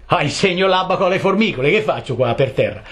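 A man playing a gruff, wry old male carpenter with bantering replies. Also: fairly high pitch, animated, fast, fairly bright tone, voice pushed up.

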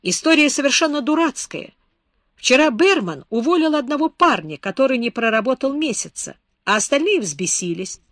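A gruff, irritable factory boss who grumbles and complains in exasperation, as a woman reader puts him on. He talks loudly and briskly. The sound is dry and close. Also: high-pitched, very animated, dry recording, voice pushed up. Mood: irritated.

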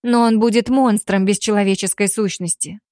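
A defiant young captive woman, as a female narrator voices her, speaking quietly and steadily with a resigned edge. The storybook reading sounds dry and close-miked. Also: mid-range voice, steady tone, moderate pace, no room sound, close to an everyday voice. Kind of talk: audiobook character voice.

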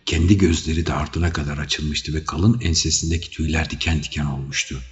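A man narrating an adventure audiobook in a measured, dramatic reading. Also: rumbling low, flat delivery. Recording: dull audio with faint music.

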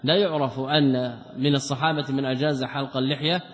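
A man's voice: mid-range voice, fairly even intonation, quick pace. A male scholar giving a religious lesson, reading passages from a commentary and explaining them with rhetorical questions. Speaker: Islamic scholar teaching a text. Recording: muffled, echoey lecture hall recording.

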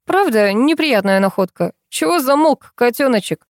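A woman voicing a calm, sarcastic man who drawls his teasing remarks in a storybook. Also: medium pitch, normal speed, no room sound, clean studio sound, pitched above the performer's own voice, lightly acted. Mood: mocking. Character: calm mocking man, sly and unflappable.

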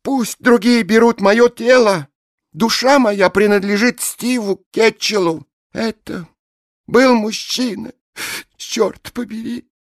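A man's voice: high-pitched, slow, no room sound, studio quality, pitched above the performer's own voice. A man voicing a proud, melodramatic woman who shrieks her lines in an audiobook reading. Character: shrill, proud, loud bleached-blonde woman.

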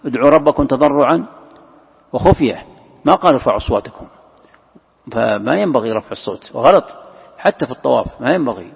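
Guy teaching quran commentary, gravelly voice, keeps asking why and repeating himself, echoey hall. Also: medium pitch, animated, quick pace, pauses often. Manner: emphatic, rhetorical questions, repeats key phrases. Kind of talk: religious lesson. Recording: echoey hall, dull lo-fi sound.

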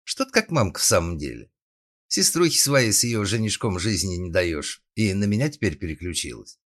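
A man's voice: low voice, very animated, moderate pace. A man voicing a brash, tipsy, impulsive young woman in an audiobook, speaking flippantly.

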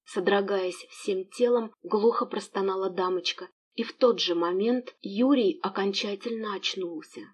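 A woman narrating an audiobook in an expressive storytelling manner. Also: medium pitch, a little slow, few pauses, husky.

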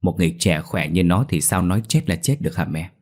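A man's voice: low-pitched, fast, a little mellow. A man voicing a grieving young man who, choking back tears, insists on finding out why his sister died. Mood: choked, insistent. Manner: choked, insistent questioning. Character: young man, grieving older brother demanding answers.

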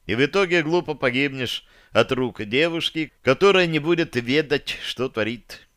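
A man's voice: fairly high pitch, expressive, moderate pace, fairly bright tone, no echo, clean studio sound, pitched above the performer's own voice. A man doing a tense young man urging caution. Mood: urgent.

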